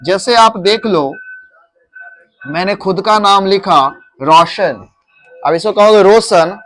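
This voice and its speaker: A man's voice: high voice, unhurried, fairly bright tone, soft background music. A male teacher in a classroom, drilling students on pronunciation and patiently repeating words, mixing English into his Hindi.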